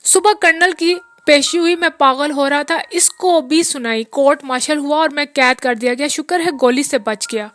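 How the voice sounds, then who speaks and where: A woman's voice: high voice, moderate pace, few pauses, a bit bright, dry recording. A worn, rueful peasant man, read by a woman. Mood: weary, rueful. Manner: long rambling confessional talk. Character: weary peasant-born man, bitter yet brotherly.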